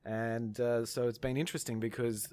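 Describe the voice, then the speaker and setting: An Australian man in an informal radio discussion of current affairs, speaking in a halting, hesitant way. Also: mid-range voice, flat delivery, darkish tone, a little hiss or hum. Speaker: radio panellist.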